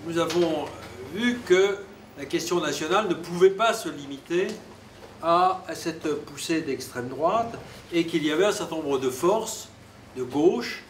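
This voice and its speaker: Hesitant man in an echoey room. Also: a little high. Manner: hesitant, broken-up phrasing. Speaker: host introducing speakers. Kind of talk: semi-improvised academic introduction. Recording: echoey room, distant mic, faint noise.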